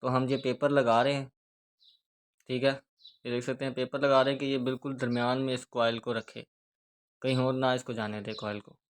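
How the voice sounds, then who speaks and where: Flat-voiced man explaining a repair. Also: mid-range voice. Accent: Pakistani Urdu. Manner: steady, repetitive explaining while working with hands. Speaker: speaker repair instructor. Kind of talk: hands-on repair tutorial.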